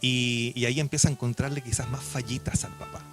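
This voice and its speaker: A man interviewing a guest for a church video, asking questions in a gentle, conversational way. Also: mid-range voice, flat delivery, quick pace, over music.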